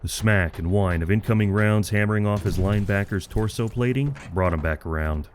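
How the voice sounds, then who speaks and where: A man with a low-pitched voice narrates a military adventure in a dramatic, scripted style, keeping his storytelling measured and grave. There's a slight hiss or hum in the recording.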